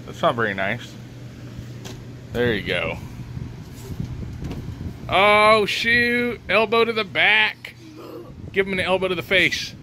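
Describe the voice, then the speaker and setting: A man's voice: high-pitched, big pitch swings, slow pace, pauses often, pushed and bright. A man chatting casually and teasingly as he films a family vlog on a handheld camera mic. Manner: teasing, joking. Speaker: vlogger behind the camera. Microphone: camera mic, held by the speaker. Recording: noisy handheld home video.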